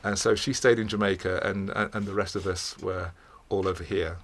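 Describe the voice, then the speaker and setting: A middle-aged man, a podcast guest telling his story in a studio with many pauses, fillers and repeated words. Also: low voice, fairly even intonation, a bit bright. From England. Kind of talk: casual interview storytelling.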